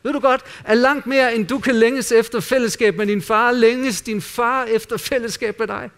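A man preaching a sermon in an earnest way, dropping at times to quiet, intimate asides. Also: very high-pitched, steady tone. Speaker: pastor.

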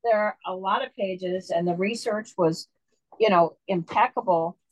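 A woman's voice: medium pitch, moderate pace, no echo, muffled recording. Chatty woman author telling stories. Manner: chatty, digressive, many fillers. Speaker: author guest. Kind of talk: casual storytelling interview.

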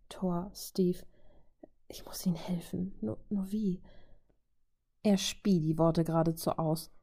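A woman reading a fan-fiction story aloud in German with a steady storytelling delivery. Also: on the low side. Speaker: reader.

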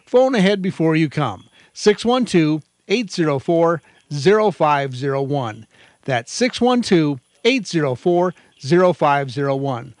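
Lively high-voiced man reading radio ad. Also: unhurried, dry recording. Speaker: commercial announcer. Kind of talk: scripted local radio ad read.

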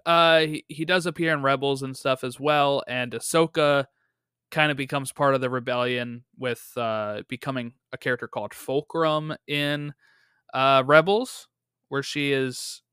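A young man hosting a casual podcast, pitching ideas in a rambling way with plenty of fillers. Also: pushed and bright, smooth, dry recording, clean studio sound. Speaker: podcast host.

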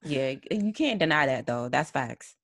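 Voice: mid-range voice, expressive, normal speed, fairly bright tone, no echo. A young adult podcast host who talks in an upbeat, giggly, conversational way while running the interview. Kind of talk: casual interview chat.

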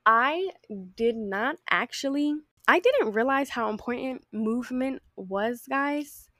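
Chatty young woman with a high voice. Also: expressive, slow pace, fairly bright tone, no echo, clean studio sound. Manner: chatty, frequent "like", playful asides. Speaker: podcast host. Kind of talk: casual solo podcast talk.

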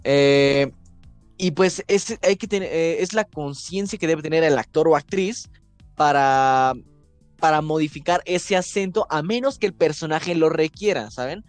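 A man's voice: a little high, unhurried, smooth, dry recording, soft background music. A man with a Mexican accent, an actor, explaining things in casual podcast talk with frequent hesitant fillers. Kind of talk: casual chat.

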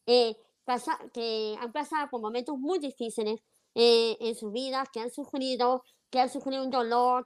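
A woman's voice: on the high side, clean tone. Hesitant woman co-hosting a talk show. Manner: hesitant, thinking aloud with many fillers. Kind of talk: conversational talk show discussion.

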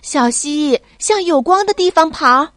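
A woman voicing a caring mother in a bedtime story, with a gentle calling voice. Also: medium pitch, sing-song, normal speed, no echo, clean studio sound. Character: worried loving young mother.

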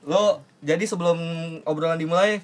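A man's voice: on the high side, normal speed. A man with a Jakarta accent hosting a podcast in casual, joking group chat. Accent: Jakarta Indonesian. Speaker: podcast host.

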